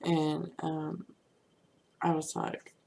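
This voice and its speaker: A woman's voice: sits low, monotone, very slow, gravelly, dark tone, slight background noise, low-quality recording. A woman teaching manifestation through casual, chatty storytelling, often saying "you know" and laughing lightly.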